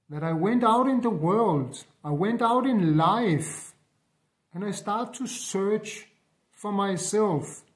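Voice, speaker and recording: A Danish-accented man in his fifties talks in a high, unhurried voice. He speaks English as a second language and shares his beliefs in a reflective monologue, pausing often and restarting his sentences. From Denmark. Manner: slow, halting, with many fillers and restarts. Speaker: spiritual vlogger.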